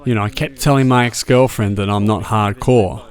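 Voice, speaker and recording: Reflective Australian record shop worker. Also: male voice, lowish voice, fairly even intonation, normal speed. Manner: reflective and thoughtful. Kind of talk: reflective interview.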